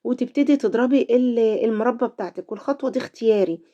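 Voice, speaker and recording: A woman's voice: on the high side, quick pace, dark tone, lo-fi sound. A middle-aged woman with an Egyptian Arabic accent hosting a home cooking tutorial, chatty and speaking straight to her viewers, her voice affected by a cold. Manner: chatty, talks to viewers directly. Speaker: cooking channel host.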